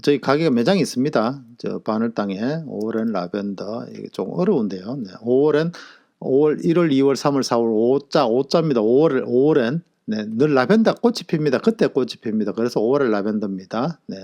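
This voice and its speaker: A man with a Gyeongsang Korean accent chats through a casual live stream. He jokes, laughs often and greets viewers one by one. His voice sits at an ordinary middle pitch. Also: expressive, a little fast, a little mellow. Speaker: live-stream host and shop owner.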